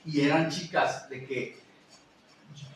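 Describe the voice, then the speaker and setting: A man, a teacher, chatting casually and telling classroom stories in an animated way that acts out other voices. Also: on the high side, slow pace, recorded from a distance. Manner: animated, acts out quoted voices and laughs often. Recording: roomy echo, away from the mic, faint noise.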